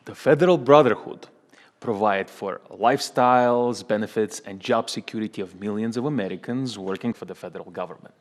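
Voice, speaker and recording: A man playing a smug male union boss with a Russian accent, speaking halting, broken English with many repetitions in a comedy sketch. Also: lowish voice, natural voice. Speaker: union spokesman. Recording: long hall reverb.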